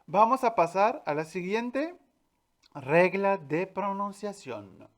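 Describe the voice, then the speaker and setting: Male teacher explaining pronunciation to viewers, lively intonation, stresses example words. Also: sits high. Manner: clear and patient, repeats example words slowly and with stress; addresses viewers directly, with filler "eh". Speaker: language teacher. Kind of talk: French pronunciation lesson.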